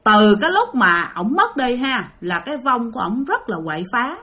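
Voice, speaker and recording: A storyteller with a Southern Vietnamese accent retells ghost stories her listeners sent in, chatting and speaking to them directly. Her voice is on the high side, bright and forceful, with a sing-song lilt at normal speed.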